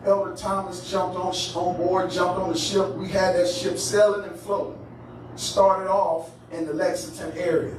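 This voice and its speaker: High-voiced preacher man in echoey church. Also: unhurried, a little hiss or hum. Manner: animated, calls on the congregation, often laughing and shouting. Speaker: pastor. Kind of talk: lively preaching sermon. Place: church sanctuary. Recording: echoey hall, voice from far off.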